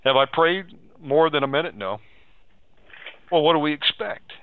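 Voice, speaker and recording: A man on a live radio broadcast preaches and gives counsel at a moderate pace, his high voice full of lively intonation. He urges and exhorts, returns to the same phrases, and asks leading questions, all through tinny, phone-like audio.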